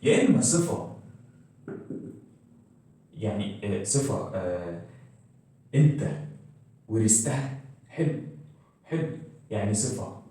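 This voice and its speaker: Teaching school science classroom-style, an Egyptian man with a lowish, mellow, expressive voice speaks slowly and pauses often. He poses questions, supplies the answers, and repeats key terms in Egyptian Arabic, recorded in a very echoey room with a distant mic.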